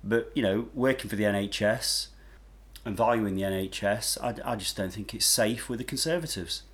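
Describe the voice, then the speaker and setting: A man talks through his views in a relaxed chat, often restarting his sentences. His voice sits somewhat low. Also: moderate pace. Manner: hesitant, restarts often, opinionated. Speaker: podcast co-host, former mental health worker. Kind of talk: casual chat.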